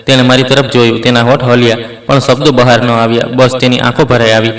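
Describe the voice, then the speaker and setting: A man narrating a scripted family story in a steady, measured way. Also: mid-range voice. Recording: roomy, distant mic.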